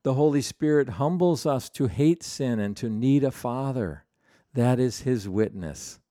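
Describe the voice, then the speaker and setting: A man preaching a sermon in a slow, solemn way, pausing for emphasis. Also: medium pitch, lively intonation, mellow, no room sound, clean studio sound.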